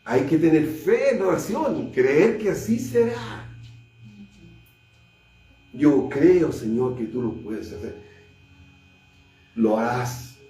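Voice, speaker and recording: A man, a pastor with a Chilean Spanish accent, preaching a sermon and acting out scripture scenes, swinging between loud and hushed delivery. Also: on the high side, big pitch swings, takes it slowly, long pauses. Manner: retells scripture with acted dialogue, shifts between loud and hushed. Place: church sanctuary. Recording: echoey church from far off, faint noise.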